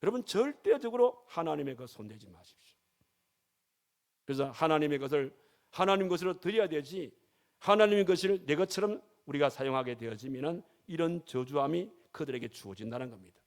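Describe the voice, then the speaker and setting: A man's voice: on the high side, lively intonation, brisk. A man preaching a sermon as pastor, emphatic, with his voice climbing and falling sharply.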